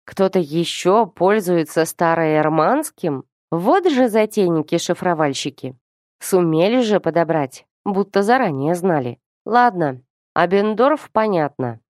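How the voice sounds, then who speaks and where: A woman reading a story who voices a suspicious old man interrogating two youngsters in a curt, sharp manner. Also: on the low side, dry recording, clean studio sound.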